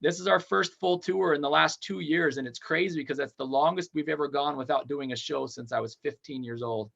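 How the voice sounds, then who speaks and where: An upbeat man in his forties talks as a podcast guest, rambling cheerfully in long runs. His voice has a gravelly edge and sits a touch high. The audio is dull and lo-fi. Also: brisk, a bit bright. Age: 40s. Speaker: touring metal band frontman, podcast guest. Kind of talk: casual interview chat.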